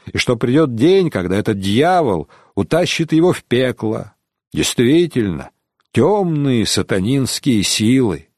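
A man's voice: medium pitch, a little mellow, no echo, clean studio sound. A man voicing a sarcastic, skeptical young man in an audiobook.

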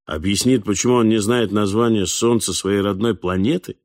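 A man voicing a bewildered adult man who questions sharply and angers quickly. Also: lowish voice, steady tone, no echo, studio quality, close to an everyday voice. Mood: incredulous. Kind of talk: audiobook character voice.

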